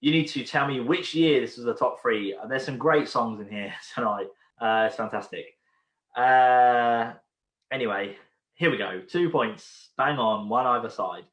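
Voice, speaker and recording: Speaking at a measured pace, this quiz host from the UK runs an online pub quiz from his home, repeating every question and wandering off into casual chat in between. His voice sits in the mid-range with a fairly bright tone, captured in a roomy room at home.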